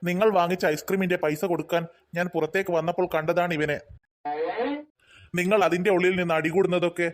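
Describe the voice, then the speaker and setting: A man's voice: high voice, flat delivery, quick pace, natural voice. A man voicing a kind father in a cartoon who patiently lectures his children. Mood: gentle. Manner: gentle, preachy, patient. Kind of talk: cartoon voice acting.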